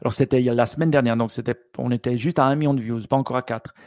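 A man's voice: medium pitch, steady tone, very fast, darkish tone, no echo. A man co-hosting a podcast in casual chat, thinking aloud with many restarts and fillers. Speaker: podcast co-host.

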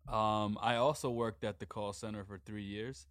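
A man's voice: on the low side, steady tone, moderate pace, a bit bright. A man co-hosting a casual podcast, stammering a little and laughing easily. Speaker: podcast co-host. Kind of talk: casual chat.

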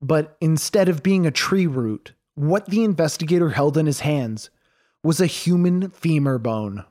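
A man narrating a true crime story in a measured, dramatic scripted style. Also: fairly high pitch, expressive, dark tone.

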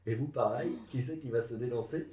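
A man's voice: medium pitch, brisk, warm tone. A man hosting a podcast quiz game, teasing the players and laughing often. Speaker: quiz host. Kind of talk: podcast game show banter. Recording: roomy room, distant mic, faint noise.

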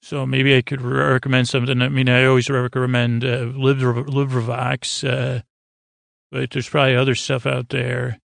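On this dry recording, a male podcast host with a creaky, mid-range voice speaks in a monotone. His bedtime chatter, meant to lull listeners to sleep, wanders and halts, gently silly, looping into repetition before fading into wordplay.

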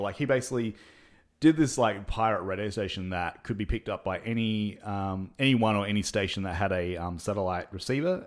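A man co-hosting a podcast, talking casually and rambling with lots of fillers and little laughs. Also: lowish voice. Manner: rambling, many fillers, laughs between points. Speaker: podcast co-host. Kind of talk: casual chat.

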